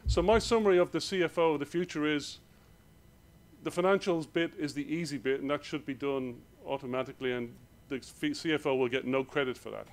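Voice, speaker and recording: A man with an Irish accent, giving a hurried conference presentation in a hall. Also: on the high side, fairly even intonation. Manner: rushed, hurried delivery. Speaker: conference speaker.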